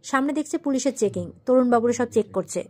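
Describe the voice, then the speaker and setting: A woman's voice: on the high side, fast talker, dark tone. A woman retelling a TV serial episode, reading every character's lines in her own voice. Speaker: TV serial recap narrator. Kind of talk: fast storytelling recap.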